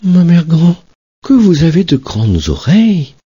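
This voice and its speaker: A man voicing an innocent, trusting little girl in a storybook reading, with a high, eager, wide-eyed delivery. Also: huge pitch swings, unhurried, warm tone, breathy edge, no echo, highs cut off, full character voice. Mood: wondering.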